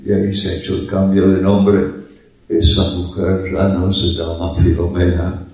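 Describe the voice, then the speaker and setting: A male preacher tells his congregation a story in an unhurried, conversational way. His voice is low and mellow. He sits some distance from the microphone, and the church hall echoes heavily around him. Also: completely flat delivery. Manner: slow, conversational preaching with illustrative stories. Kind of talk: sermon.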